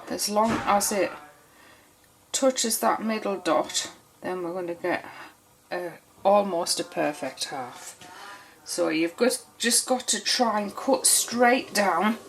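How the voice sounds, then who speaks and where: A woman's voice: medium pitch, takes it slowly, slight background noise. A woman teaching soap making, talking casually through each step and thinking aloud as she works. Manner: chatty, thinks aloud while working.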